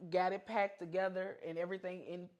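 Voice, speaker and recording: A woman co-hosting a marriage podcast in relaxed, casual talk. Her voice sits low for a woman. She speaks plainly and draws on scripture as she goes. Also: a little fast, highs cut off. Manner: chatty and plain-spoken, laughs at herself. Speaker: podcast co-host.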